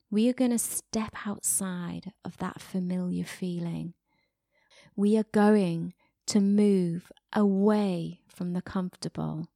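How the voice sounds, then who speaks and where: A woman podcast host giving a slow, soothing guided meditation, sometimes dropping to a whisper. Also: mid-range voice, warm tone, no room sound, studio quality.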